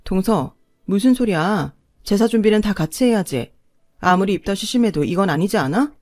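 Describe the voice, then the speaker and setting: A woman's voice: mid-range voice, expressive, normal speed, darkish tone, no room sound, natural voice. A woman voicing a fed-up eldest daughter-in-law who answers back in a firm, indignant tone, in a dry recording.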